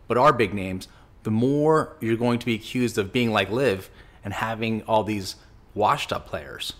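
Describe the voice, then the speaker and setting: A man in his forties hosting an opinionated commentary vlog from a small home office, talking close into a boom mic in a sarcastic, argumentative way. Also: fairly bright tone. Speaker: host. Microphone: studio mic on boom, close.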